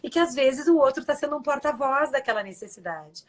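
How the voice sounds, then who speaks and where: A woman's voice: high voice, brisk. A woman giving an earnest, explanatory talk as a guest on a live stream, acting out quoted lines and often checking in with tag questions.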